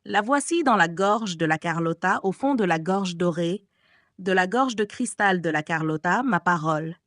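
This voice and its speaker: A woman's voice: lowish voice, lively intonation, normal speed, a bit bright, no room sound, clean studio sound. A woman voicing a cruel masked male phantom from an audiobook who mockingly taunts a young woman. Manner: taunting, theatrical.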